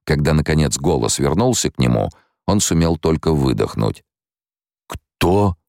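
A man narrating an audiobook in an expressive storytelling manner. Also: extremely low pitch, moderate pace, creaky, dry recording, studio quality.

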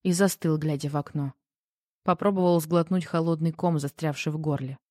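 A woman narrating an audiobook in a quiet, subdued reading voice. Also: low voice, fairly even intonation, normal speed, dry recording, clean studio sound.

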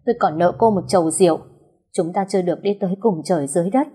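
An anguished young man with a breaking voice, voiced by a woman low and husky. The storybook reading keeps his pleas urgent and hurried. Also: warm tone. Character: anguished young man, begging a dying friend.

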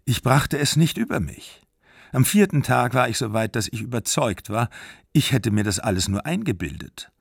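A man's voice: medium pitch, big pitch swings, moderate pace, gravelly, husky, no echo, clean studio sound, exaggerated voice. A man voicing a distraught young mother, speaking in an earnest, pleading way in a literary audiobook reading. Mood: desperate.

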